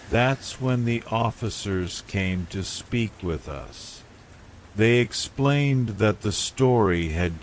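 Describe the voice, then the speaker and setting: A man with a very deep voice tells a bedtime horror story in a calm, hushed, measured way. He takes his time over every line, and soft rain falls faintly behind him. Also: slight background noise. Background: falling rain.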